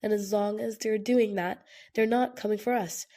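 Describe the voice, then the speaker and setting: Sharp-tongued worried young guy, voiced by a woman in an audiobook, harsh, gravelly. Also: mid-range voice, fairly even intonation, moderate pace, lightly acted. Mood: pleading, harsh. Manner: harsh, challenging.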